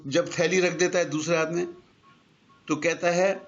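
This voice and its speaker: A man's voice: on the high side, little pitch movement. An older man teaching Arabic grammar in a conversational lesson, patiently explaining with examples and mixing in English words. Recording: dull lo-fi recording.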